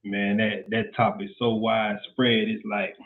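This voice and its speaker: A man's voice: lowish voice, level tone, moderate pace, a little hiss or hum. A blunt man from Central Florida with a Southern accent, hosting a casual podcast monologue and often saying "you know what I'm saying". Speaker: podcast host. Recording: tinny phone-like sound.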